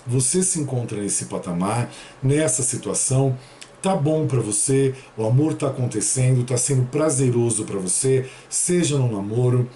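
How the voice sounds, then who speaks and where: A man's voice: mid-range voice, normal speed, a little hiss or hum. A man with a Brazilian Portuguese accent giving a casual tarot reading to his viewers and addressing them in a familiar way. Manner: warm, familiar address with frequent "né?" and "tá bom?". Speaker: tarot reader.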